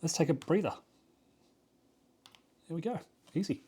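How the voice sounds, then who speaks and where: A man playing both sides of a war board game, thinking aloud, counting moves and filling pauses with ums. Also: a little high, mellow, husky. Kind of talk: solo playthrough commentary.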